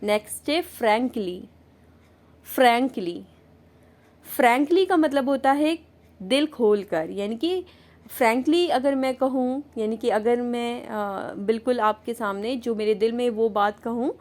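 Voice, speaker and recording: Indian lady teacher going over english words real slow, kinda high voice, repeats everything. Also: a little mellow. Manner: repeats each word and its meaning patiently. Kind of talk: slow vocabulary lesson with repetition.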